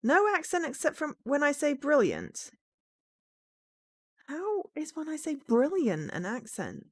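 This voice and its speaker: A young woman from England's East Midlands, with a fairly neutral English accent, chats with her live-stream viewers while playing a game, laughing often and teasing back. Her voice sits high with huge pitch swings, she's unhurried, and there's no room sound.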